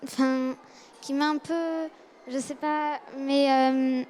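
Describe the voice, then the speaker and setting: A woman asking an author a question in a very shy, halting way, struggling to find her words. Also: high-pitched, steady tone, a little mellow, a little hiss or hum.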